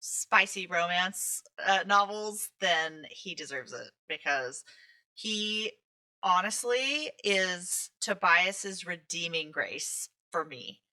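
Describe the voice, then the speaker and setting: A woman co-hosts a casual book chat, talking slowly and pausing with ums as she gives her scores. Her voice is bright and a little low. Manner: relaxed, hesitant, many ums and restarts. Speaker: podcast co-host.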